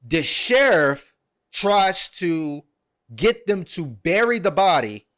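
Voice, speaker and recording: A man's voice: sits high, sing-song, slow pace, fairly bright tone. Man telling a story with ums. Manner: earnest, retelling at length with many ums and repeats. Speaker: podcast host. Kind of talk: casual storytelling.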